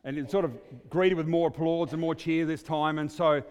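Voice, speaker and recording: A man's voice: on the high side, steady tone, normal speed, a little mellow, clean tone. A man preaching at a church service, chatty and hesitant with many fillers, his voice ringing with a long church reverb like a cathedral. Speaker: guest preacher. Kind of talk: sermon with storytelling.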